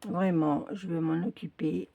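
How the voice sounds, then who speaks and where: A woman's voice: fairly low pitch, steady tone, measured pace, vocal fry, dull audio. A woman chatting casually in a craft video, her speech slightly impeded by braces and mouth sores, hesitating and articulating with effort. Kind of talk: casual unboxing chat.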